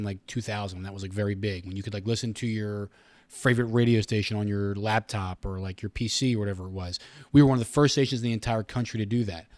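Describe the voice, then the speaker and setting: An American man in his thirties, a radio station communications director, is a guest in a casual interview. His fairly low, slightly mellow voice is recorded dry, and he explains things in a chatty, wordy way.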